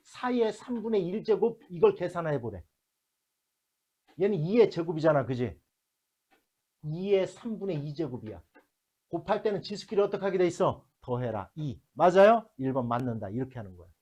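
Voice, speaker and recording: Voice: medium pitch, expressive, normal speed, dark tone, breathy edge, highs cut off. A math teacher lecturing a classroom, working through problems step by step and constantly checking whether the students follow, mixing blunt casual talk with polite endings.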